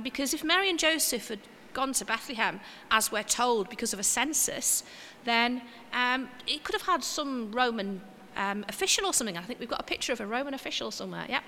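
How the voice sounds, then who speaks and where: A woman preacher with a fairly high, bright voice gives a relaxed, chatty sermon. Her talk is homely and she pokes gentle fun at herself. The sound carries the long reverb of a church hall, with faint noise behind. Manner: chatty and homely, with gentle self-mocking asides. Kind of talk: informal sermon.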